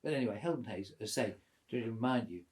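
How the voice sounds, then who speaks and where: A man's voice: fairly low pitch, quick pace, a little hiss or hum. Chuckling man in his eighties. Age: 80s. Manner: lively, chuckling storyteller who acts out quoted voices. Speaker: father telling family stories. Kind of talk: casual storytelling at a family gathering.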